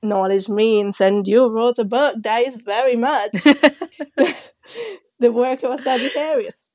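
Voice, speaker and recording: A woman's voice: fairly high pitch, slow, a little mellow, dry recording, studio quality. A woman hosting a casual podcast interview in a girlish anime-girl voice. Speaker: podcast host.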